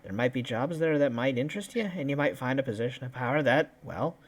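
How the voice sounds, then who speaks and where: A man's voice: mid-range voice, fast talker. A man playing a character in a tabletop game, joking around and laughing often. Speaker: player.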